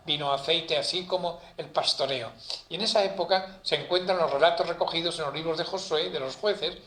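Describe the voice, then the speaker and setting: A man's voice: a little high, a bit bright. A man giving a classroom lecture on the Bible, explaining at a map and tagging his sentences with "¿eh?" and "¿no?". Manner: explains at a map, with constant "¿eh?" and "¿no?" tags. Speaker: Bible teacher. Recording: echoey room, faint ambient noise.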